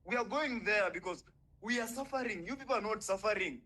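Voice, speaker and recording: This is a low-quality recording of a young adult caller in an online audio space, a Kenyan man with a high, bright, forceful voice. He talks fairly quick, swearing through an indignant, fiery speech.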